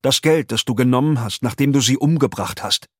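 A man voicing a menacing police officer in an audiobook, with a slightly hoarse, raw voice. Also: mid-range voice, fairly quick, no room sound, clean studio sound, lightly acted. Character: menacing male police officer, cold, bullying. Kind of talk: audiobook reading.

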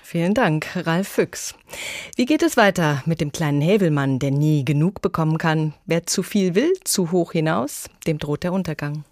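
A woman's voice: deep voice, lively intonation, moderate pace, darkish tone, dry recording, clean studio sound. A woman presenting a radio magazine from a script.

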